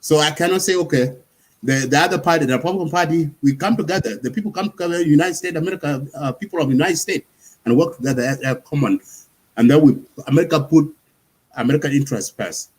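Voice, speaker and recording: A husky-voiced man from South Sudan talks through his points in a relaxed panel discussion, his pitch fairly high and his pace fast on a low-quality recording. He explains patiently, repeats himself and asks "you see?" along the way.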